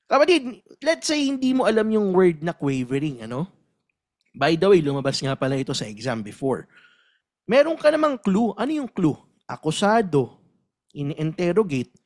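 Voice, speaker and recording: Animated, high-pitched male exam coach. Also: moderate pace. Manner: emphatic, animated, acts out examples and asks questions back. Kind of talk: taglish exam coaching lecture.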